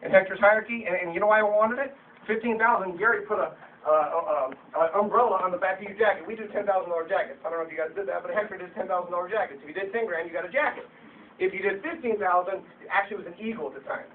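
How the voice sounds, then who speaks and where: A man with a high voice rattles through a blunt motivational Q&A talk to his sales team, tripping over his own restarts as he gets worked up. He is heard from across a meeting room. The camera audio is tinny, phone-like and faintly hissy. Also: distant mic.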